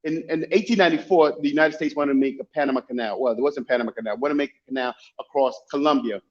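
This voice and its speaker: A man's voice: medium pitch, fast talker. A man with a Dominican-influenced accent chatting casually and telling stories emphatically, often repeating phrases to make his point. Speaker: guest, travel YouTuber. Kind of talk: casual chat, animated storytelling. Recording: dull lo-fi call audio.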